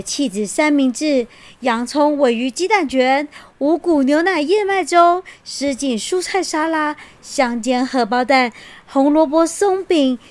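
A woman reading a picture book aloud to a child, gentle and expressive. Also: high voice. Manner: gentle and expressive, laughs often.

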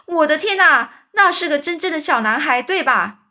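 A woman's voice: high voice, animated, brisk, bright, forceful tone, pitched above the performer's own voice. A woman voicing a frightened, shrieking fire chief in a children's story reading. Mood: panicky yelling. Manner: shrieking, panicky.

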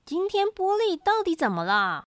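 A woman voicing a caring mother rabbit in a bright, coaxing way. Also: very high-pitched, huge pitch swings, moderate pace, no room sound, voice pushed up, heavily acted. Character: warm, fussing mother rabbit.

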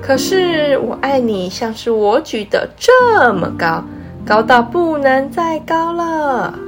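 Casting: woman playing playful, loving daddy rabbit, slow and very animated, picture-book reading to a toddler. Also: on the high side, music in the background. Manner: exaggerated, drawn-out delivery.

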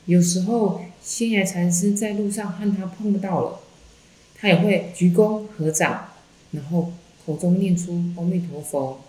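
Calm Buddhist nun reading, echoey room. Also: female voice, fairly low pitch, measured pace. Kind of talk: reading a Buddhist text aloud.

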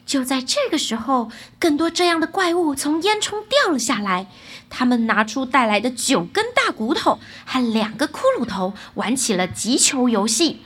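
A woman narrating a children's bedtime fairy tale in a lively, expressive way. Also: high-pitched, moderate pace, breathy edge. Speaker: storyteller.

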